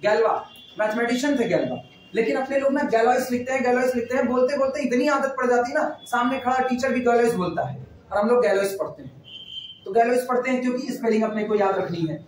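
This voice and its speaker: A man's voice: very high voice, fast, a little hiss or hum. A man teaching math in a classroom, chatting and repeating phrases as he dictates notes. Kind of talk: classroom lecture. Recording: echoey room, mic far off.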